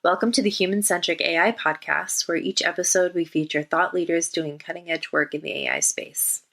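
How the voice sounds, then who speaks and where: A woman's voice: lowish voice, fairly even intonation, brisk, vocal fry, a bit bright. A woman reading a polished, scripted introduction as a podcast host.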